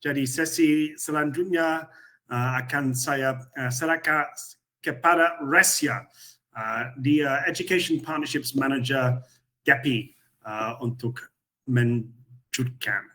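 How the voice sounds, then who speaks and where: Bright-voiced foreign man speaking halting Indonesian. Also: medium pitch. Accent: foreign, English-speaking. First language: English. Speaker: founder and webinar host. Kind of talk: webinar introduction.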